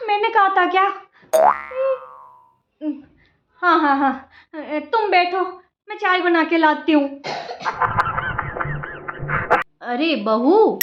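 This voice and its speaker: A woman's voice: sits high, noisy background. A woman playing a middle-aged mother-in-law in a home-made comedy skit, lecturing and bossy, then backing down in a fluster. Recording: roomy, slightly dull home video audio.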